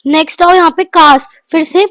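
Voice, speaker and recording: A woman giving a quick exam revision lecture, running through lists of topics and mixing in English terms. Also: very high-pitched, fairly even intonation, a bit bright, no echo. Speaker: exam prep tutor.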